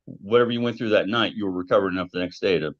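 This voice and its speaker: A man's voice: deep voice, rapid-fire. A man co-hosting a casual live show, joking and laughing often, loose and rambling. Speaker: co-host. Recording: dull lo-fi sound.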